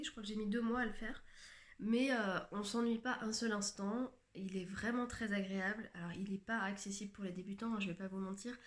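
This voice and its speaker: A woman with a medium-pitched voice hosts a knitting podcast, chatting casually to the camera in an echoey room. She is hesitant, full of fillers and restarts, and a little self-mocking.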